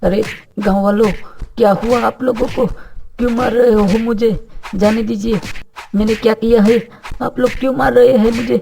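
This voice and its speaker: An actor playing a poor, kind orphan youth from a village who talks humbly and pleads, in a cartoon story. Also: male voice, on the high side, steady tone, a little slow, warm tone, a little hiss or hum. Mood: pleading. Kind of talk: Hindi cartoon voice acting.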